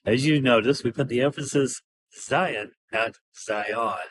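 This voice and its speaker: A man's voice: medium pitch, fairly even intonation, fairly quick, low-quality recording. Man, chatty and joking, middle-aged travel co-host. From Utah. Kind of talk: casual travel tips to camera.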